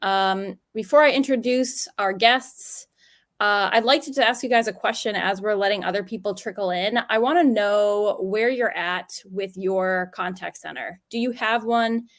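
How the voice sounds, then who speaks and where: A woman's voice: medium pitch, moderate pace. A woman hosting a business webinar over a video call, upbeat and chatty. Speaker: webinar host. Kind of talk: casual webinar chat.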